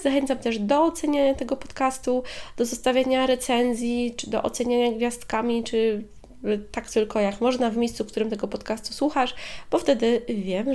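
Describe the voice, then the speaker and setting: Woman doing a podcast english lesson, slightly high voice, talks right to you. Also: a little mellow. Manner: switches between Polish and slow, emphatic English examples; friendly, direct address to the listener. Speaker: podcast host and English teacher.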